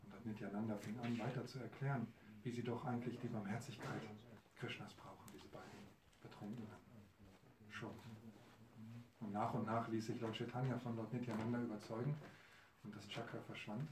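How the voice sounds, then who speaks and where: A man's voice: on the low side, a little fast. Brief: male preacher-storyteller, engages the crowd, mic far away. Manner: lively, asks the audience questions. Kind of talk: devotional storytelling to a live audience. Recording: roomy hall, mic far, audience.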